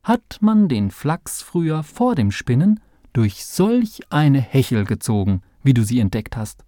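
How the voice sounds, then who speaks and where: A man's voice: mid-range voice, sing-song, a little slow, mellow, no echo, clean studio sound, voice pushed up. A man voicing a patient female professor in a storybook reading, explaining kindly.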